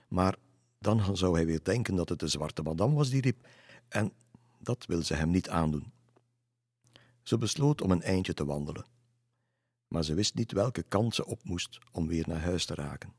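A man reading a children's story aloud in a calm, even way. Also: sits low, slightly rough, no room sound, studio quality. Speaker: narrator.

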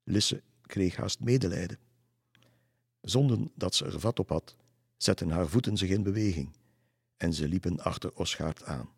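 A man reading a folk tale aloud in a measured way. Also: low-pitched, gravelly, husky, no room sound, clean studio sound. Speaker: narrator. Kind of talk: storybook narration.

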